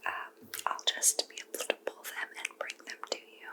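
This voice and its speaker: A woman doing a whispered role-play as a helpful librarian, speaking in a soft, gentle library whisper with halting phrasing. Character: helpful goth librarian recommending books. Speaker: librarian in a point-of-view roleplay.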